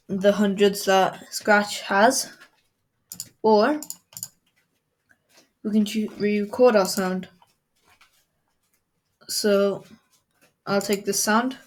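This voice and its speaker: A woman as a coding tutor, explaining a software tool step by step in a screen-recorded tutorial. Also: mid-range voice, level tone, slow, long pauses.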